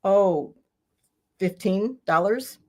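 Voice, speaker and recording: A woman around sixty who is a guest author on a livestream interview, gushing and warm, spelling details out slowly over a video call. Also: mid-range voice, animated. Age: 60s.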